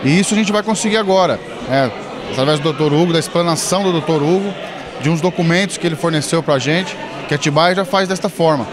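A man's voice: a little high, fast talker. Male councilor, enthusiastic interview answer, busy room chatter. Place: council chamber. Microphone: handheld mic held by interviewer. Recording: crowd chatter behind.

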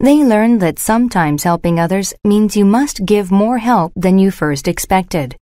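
A woman slowly reading short moral stories aloud for English learners. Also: mid-range voice, background noise. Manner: slow, even reading. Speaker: story narrator. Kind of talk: scripted narration for English learners.

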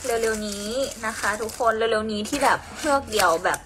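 A woman's voice: medium pitch, brisk, background noise. A young woman chatting casually on a live stream, reading out viewer comments while packing orders, playful and talkative.

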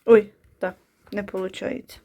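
A woman's voice: mid-range voice, steady tone, moderate pace, creaky, warm tone, breathy edge. A woman from Ukraine chatting to the camera in her home kitchen, teasing her family and narrating the cooking. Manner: chatty, teasing, narrates what she sees. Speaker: vlogger filming family cooking. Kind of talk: casual chat to the camera.

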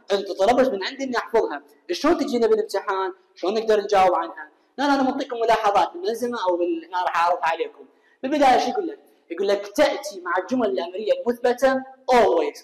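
In an echoey room with long reverb, a man with an Iraqi Arabic accent and a high-pitched voice leads a recorded English class. He reads example sentences slowly and deliberately, and asks his students questions only to answer them himself.

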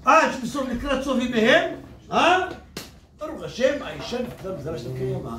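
A man who is a rabbi, giving an animated Torah sermon to an audience and breaking into emphatic shouts. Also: very high voice. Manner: animated, addresses listeners as "my teachers and rabbis", bursts into emphatic shouts. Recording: echoey room, distant mic, faint noise.

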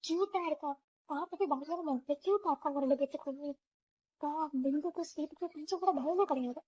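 A woman's voice: high voice, quick pace, warm tone, lightly acted. A woman voicing a protective older sister figure who reassures the younger girls. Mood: curious. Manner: reassuring, motherly. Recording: dull lo-fi sound.

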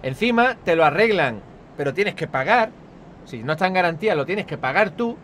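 Lively Spanish gamer guy swearing. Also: fairly high pitch, fairly quick, slight background noise. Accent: Spain Spanish. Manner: rambling, swears a lot, talks to viewers. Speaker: gaming channel host. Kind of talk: casual gameplay commentary. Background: game music.

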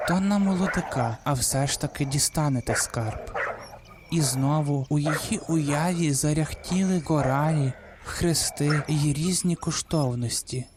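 A man reading a gothic folk tale aloud in a measured, deliberate way. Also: fairly high pitch, background noise. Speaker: audiobook reader. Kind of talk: scripted storybook narration.

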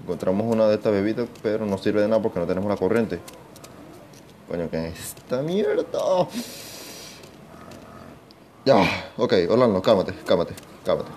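A young man giving casual gameplay commentary, excitable, swearing often and talking to himself. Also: on the low side, normal speed, pauses often, a little hiss or hum. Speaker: gaming channel host.

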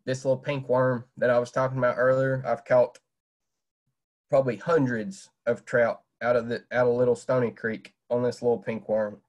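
At normal speed and medium pitch with little movement in it, a young Southwest Virginian talks fishing casually over a video-call webcam. His style is plain-spoken, dotted with many "uh" fillers.

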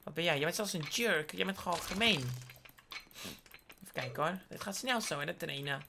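A woman giving playful game commentary as a gaming YouTuber, excitable, with sudden high squealing outbursts. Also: fairly quick, noisy background. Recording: clear keyboard typing and clicks.

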